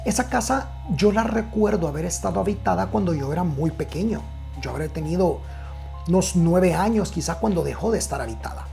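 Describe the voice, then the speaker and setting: A man's voice: high-pitched, expressive, a little fast, creaky, dark tone, soft background music. A man with a Guatemalan Spanish accent telling a personal story in a casual, conversational way to returning listeners, with many fillers and restarts. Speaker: storyteller host.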